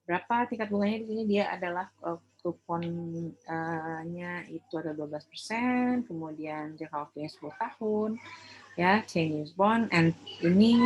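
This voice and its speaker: An Indonesian-accented accounting lecturer speaks in a lowish voice, giving an informal lecture in a conversational manner and frequently confirming with tag questions that listeners follow along. The recording is low in quality, with slight background noise.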